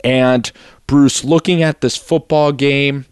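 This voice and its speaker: Energetic young male sports radio host. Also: medium pitch, slow pace, clean tone, dry recording, studio quality. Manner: energetic, analytical, emphatic.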